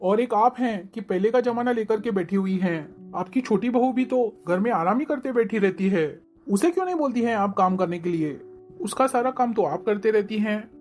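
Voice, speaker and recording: Woman as cartoon elder son: earnest, reproachful, mid-pitched. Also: darkish tone, natural voice. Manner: pleading, reproachful. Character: earnest young man, elder son defending his wife. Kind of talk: cartoon family drama voice acting.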